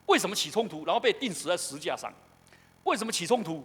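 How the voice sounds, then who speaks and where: A middle-aged Taiwanese pastor preaches with a very high, lively voice that swoops up and down. His tone is a little husky, and he keeps asking his congregation questions. The sound rings with the long echo of a church hall. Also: fast. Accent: Taiwanese Mandarin. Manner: animated, asks the congregation questions. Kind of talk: sermon. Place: church sanctuary.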